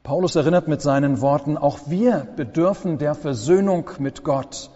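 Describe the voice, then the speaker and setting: A man preaching a sermon as pastor, slow and solemn with dramatic pauses, in a church. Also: fairly high pitch, mellow. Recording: long church reverb, dull lo-fi sound.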